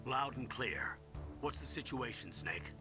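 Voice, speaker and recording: A stern older commander from a video game , played by a man, briefs with measured authority. His voice is medium in pitch, and loud music runs behind it. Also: expressive, natural voice. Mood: instructive. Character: stern older male military commander giving orders.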